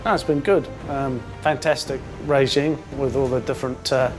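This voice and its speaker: A man from England speaks in a relaxed interview, stopping often for ums and uhs as he gathers his thoughts. His voice sits at an ordinary pitch. Clear music plays behind him. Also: normal speed. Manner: hesitant, many ums and uhs. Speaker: amateur boxer in a charity fight. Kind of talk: casual interview talk. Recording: music playing underneath.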